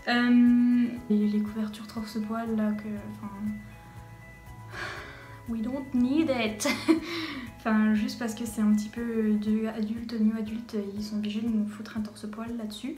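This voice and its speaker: A woman's voice: fairly high pitch, level tone, moderate pace, mellow, reverberant, faint music behind. A young woman vlogging casually about books in a chatty, self-mocking way, with a French accent when reading out questions in English. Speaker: book vlogger. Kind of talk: casual book tag vlog.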